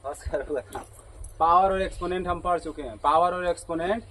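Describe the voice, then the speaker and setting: A man's voice: high-pitched, steady tone, fast, a bit bright, a little hiss or hum, rough recording. A man teaching a math class to students. He keeps asking the class questions and repeating their answers. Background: students answering in chorus.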